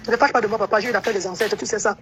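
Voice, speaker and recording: A woman voicing a sister who softly pleads with her brother, wheedling and apologetic. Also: mid-range voice, steady tone, very fast, pitched below the performer's own voice, lightly acted. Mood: pleading. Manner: soft, wheedling, begging.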